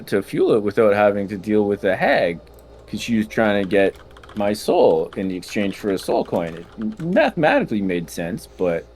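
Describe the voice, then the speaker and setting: A man's voice: lowish voice, a little mellow. A man voicing a laid-back stoner gnome inventor in a tabletop game, with a rambling, hesitant drawl. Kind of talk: tabletop role-play in character.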